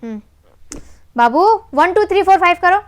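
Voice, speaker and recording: A woman's voice: very high voice, animated, moderate pace. A mother, speaking, patiently coaching her child through ball exercises, counting and prompting again and again.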